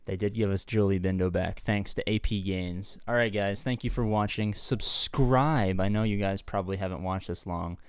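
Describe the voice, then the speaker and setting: A man's voice: lowish voice, normal speed, few pauses, clean tone, dry recording. A man hosting a casual chat, joking and teasing with a wry delivery. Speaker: host.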